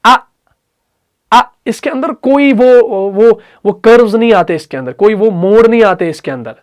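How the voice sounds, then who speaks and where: A man with an Urdu accent teaching Quran recitation rules, patiently repeating letters and sounds slowly. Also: high voice, lively intonation, a little mellow. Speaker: tajweed teacher.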